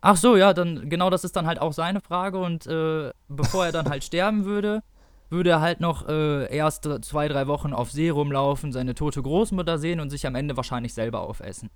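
A man's voice: on the high side, moderate pace, few pauses, clear, resonant tone, dry recording, clean studio sound. A man, an author, casually retelling his story with many fillers, then reading an excerpt from it aloud. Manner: loose, filler-heavy retelling. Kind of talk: casual chat and read-aloud narration.

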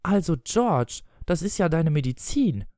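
A worried, gentle mother from a storybook pleads softly with her husband in a raised voice, as a man reads her. The recording is dry and close. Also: on the high side, big pitch swings, unhurried, no room sound, pitched above the performer's own voice. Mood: pleading. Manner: pleading, hushed.

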